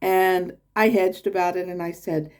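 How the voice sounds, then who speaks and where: Telling a relaxed travel tale for her vlog, the US channel host speaks a little slowly in a slightly mellow, steady tone. She rambles with fillers and restarts, raising her voice to play the people she quotes.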